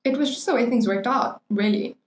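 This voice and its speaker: A woman's voice: a little high, brisk. A young adult woman co-hosting a podcast, chatting casually in a rambling, playful way with lots of "like". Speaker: podcast co-host. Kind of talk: casual chat. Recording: roomy echo.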